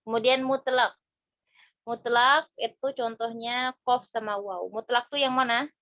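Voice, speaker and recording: Female teacher, slightly high voice, relaxed tajwid lesson, recites examples slowly; dry close sound. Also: no echo. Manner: chatty, self-correcting, slow drawn-out recited examples. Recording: dull lo-fi dry recording.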